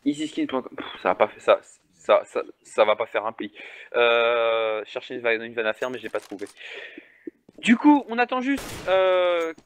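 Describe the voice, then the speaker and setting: This solo pre-match stream has a man casting esports, chatty and self-mocking as he responds to questions from chat. He speaks at a medium pitch with big swings in intonation and a moderate pace.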